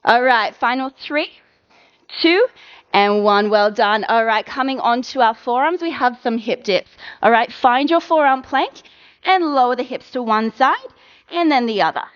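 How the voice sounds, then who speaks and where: A woman fitness instructor cueing a workout, coaching with brisk encouragement and counting down the reps. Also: a little high, lively intonation, clear, resonant tone, muffled recording.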